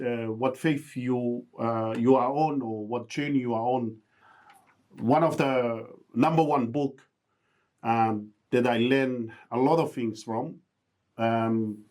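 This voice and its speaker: On a podcast, a middle-aged motivational speaker from Tonga speaks with earnest conviction, though his English grammar is uneven. He has a medium-pitched, slightly mellow voice.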